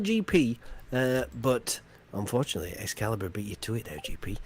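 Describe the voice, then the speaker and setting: A man's voice: mid-range voice, a little mellow. A man hosting a chat quiz on a live game stream, playful and teasing, with jokey asides between questions.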